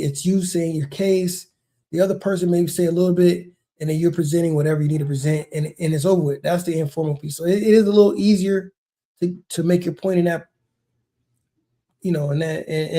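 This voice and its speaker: Fairly high and mellow, the voice belongs to a realtor hosting his own video, who lives near a large city in Texas. In loose explainer talk he lays out a process, frequently repeating himself and saying "man" and "bro."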